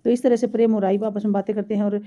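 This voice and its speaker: A woman narrating a recap of a TV serial episode in a rapid, run-on retelling with fillers. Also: mid-range voice, little pitch movement, warm tone, lo-fi sound. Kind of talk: fast story recap narration.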